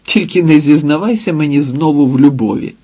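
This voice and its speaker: A man's voice: on the high side, a little slow, warm tone, husky. A man reading an audiobook, voicing a sardonic, practical young man with a dry, ironic delivery.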